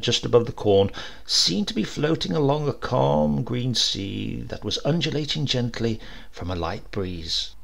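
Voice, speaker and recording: A man with a gravelly, medium-pitched voice narrates a literary short story as an audiobook. His reading is expressive and measured, in a storytelling manner.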